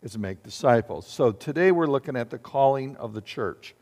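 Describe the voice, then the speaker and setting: A man delivers a sermon from the pulpit, his voice carrying a long reverb through a large hall. His pitch sits in an ordinary middle range, and he keeps turning to the congregation with questions. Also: lively intonation, a little fast, a little mellow. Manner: asks the congregation questions and calls for responses. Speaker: pastor.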